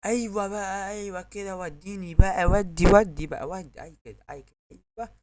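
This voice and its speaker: A man with an Egyptian accent giving excitable live commentary on his own football video game, yelling at the referee and his players. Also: high-pitched, a little fast, crowd noise. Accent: Egyptian Arabic. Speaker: gamer.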